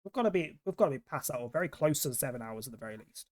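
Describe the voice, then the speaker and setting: A man's voice: medium pitch, expressive, very fast. Rambling streamer guy. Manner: rambling, swears casually. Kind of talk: casual gameplay commentary.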